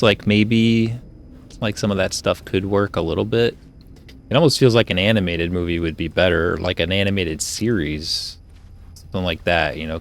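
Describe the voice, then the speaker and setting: A young man with a low-pitched voice streams a game from a room at home, rambling casually into a desk mic with plenty of filler words. His gameplay commentary has a musing, meandering feel, and the recording carries a slight hiss or hum.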